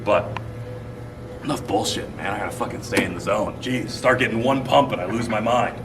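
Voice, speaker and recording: A young man talks between sets at the gym, swearing freely and cracking crude jokes. His voice sits very low. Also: brisk, over loud music. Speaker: fitness vlogger. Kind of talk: casual gym chat.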